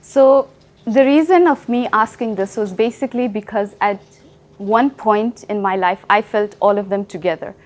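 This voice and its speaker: Young woman giving a relaxed company talk. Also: medium pitch, normal speed. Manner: conversational, often asks "right?". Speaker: presenter. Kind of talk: company talk with audience questions.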